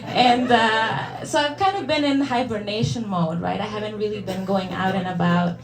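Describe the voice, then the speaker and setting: A woman's voice: mid-range voice, moderate pace, a crowd in the background. A young woman from El Salvador with a Salvadoran Spanish accent, performing a stand-up set in a hesitant, self-deprecating way with many fillers and restarts. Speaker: stand-up comedian. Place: comedy venue with live audience. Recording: echoey room, audience laughter.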